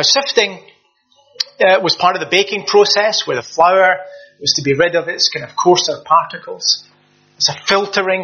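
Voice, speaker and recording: Fairly high, bright preacher. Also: male voice, lo-fi sound. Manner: conversational, with hesitant fillers and emphatic rising stresses. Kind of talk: sermon.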